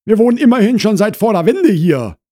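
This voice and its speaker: Fields: Figure: a man voicing a shrill, fussy woman in her fifties. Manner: high and loud. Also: sing-song, a little fast, no echo, clean studio sound. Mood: indignant. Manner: high-pitched, loud, indignant. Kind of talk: comic audiobook reading.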